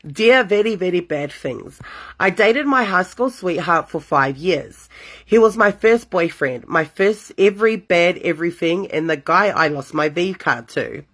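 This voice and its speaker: A young woman, reading listener confessions aloud as host and reacting with sassy asides. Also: fairly low pitch. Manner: animated, sassy asides between read stories. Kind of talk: casual storytime reading with reactions.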